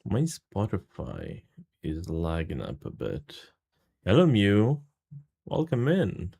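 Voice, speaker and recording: A man talks his way through a live game stream, greeting and thanking viewers between moves. His voice sits low yet moves a lot, rising and falling freely. The tone stays casual, loose and sprinkled with swearing. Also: huge pitch swings, slow, gravelly, mellow, husky. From Serbia.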